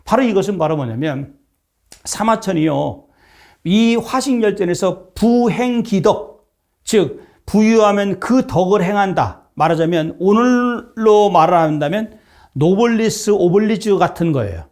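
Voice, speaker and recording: A man's voice: sits high, animated, measured pace, darkish tone. A middle-aged man lecturing as a professor, retelling a historical story and acting out its characters' lines.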